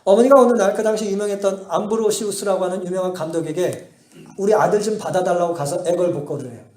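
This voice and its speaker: Male pastor, high and mellow voice, sermon with rhetorical questions, echoey church hall. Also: fast. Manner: asks the congregation rhetorical questions and answers them; emphatic storytelling. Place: church sanctuary.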